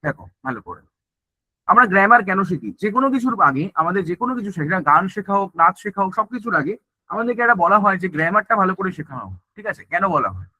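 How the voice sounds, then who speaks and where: Very animated and fast-talking, this man has a high-pitched, bright, forceful voice, heard on a dry, low-quality recording. He teaches an online exam-prep lecture, frequently answering questions he raises, mixing English terms into Bengali, and repeating "ঠিক আছে?" to check in.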